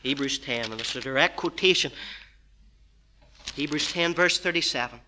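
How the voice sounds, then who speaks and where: A man preaching a sermon with an impassioned delivery that swings between loud declarations and quiet asides, perhaps. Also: a little high, normal speed, noisy background.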